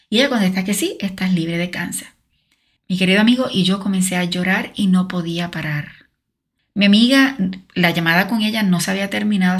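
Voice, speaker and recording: A middle-aged woman telling her own faith testimony, speaking earnestly and straight to the listener. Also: mid-range voice. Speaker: podcast host sharing a personal testimony.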